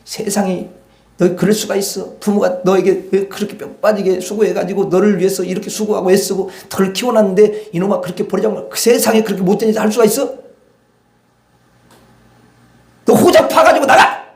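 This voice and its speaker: A man's voice: sits high, steady tone, fast talker. A man playing a furious parent scolding and disowning a child, raising his voice in a roomy church. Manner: shouting, scolding.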